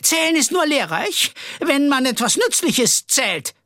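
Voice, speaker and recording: A man's voice: very high-pitched, big pitch swings, a little slow, sharp tone, dry recording, studio quality, voice pushed up, heavily acted. A man voicing a spiteful, bossy headmistress in an audiobook, shrieking and indignant. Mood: furious. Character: shrill spiteful headmistress, older woman. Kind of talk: audiobook character voice.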